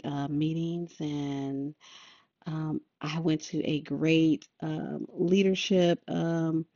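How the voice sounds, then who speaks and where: Older lady podcaster, low mellow voice, laid-back rambly chat, lots of ums. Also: no room sound. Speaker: podcast host. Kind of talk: casual podcast monologue. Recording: dull lo-fi sound.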